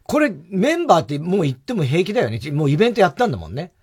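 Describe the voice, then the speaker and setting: A man co-hosting a radio comedy chat, answering his partner with quick, laughing retorts as the straight man. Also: high voice, wildly swooping pitch, slightly rough. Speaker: radio show co-host.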